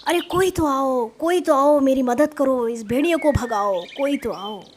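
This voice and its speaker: A woman voicing a mischievous young male shepherd in a storybook reading, calling out loudly and laughing mockingly. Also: mid-range voice, lively intonation, a little slow, slight background noise, natural voice. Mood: desperate. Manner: loud shouting cries and mocking laughter.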